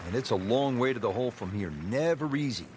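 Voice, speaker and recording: A man doing play-by-play golf commentary for a video game in a smooth, measured broadcast manner. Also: mid-range voice, expressive. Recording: game audio with music and crowd behind. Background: music and crowd noise.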